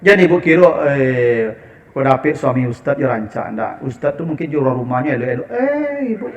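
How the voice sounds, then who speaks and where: A man with a Minangkabau accent preaching a lively, humorous sermon and speaking directly to the women in the audience. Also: medium pitch, brisk, muffled recording, noisy background. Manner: animated, humorous, addressing the women as "ibu".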